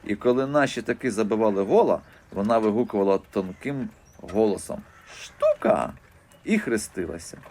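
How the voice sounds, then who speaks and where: Lively male audiobook narrator. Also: on the low side, a little fast, slight background noise. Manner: lively, expressive storytelling.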